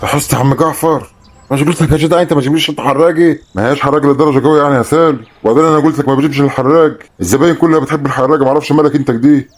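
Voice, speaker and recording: A man's voice: a little high, racing, close to an everyday voice. An actor with an Egyptian accent playing a quarrelsome man arguing over spicy food at a street stall. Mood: bickering. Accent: Egyptian Arabic. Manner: quarrelsome, teasing. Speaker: actor in a web drama.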